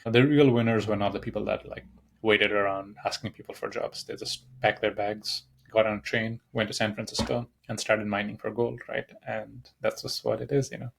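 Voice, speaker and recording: A man's voice: lowish voice, flat delivery, normal speed, gravelly, a little hiss or hum. A young man from Nepal hosting a solo podcast, talking casually and rambling with many fillers and restarts. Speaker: podcast host.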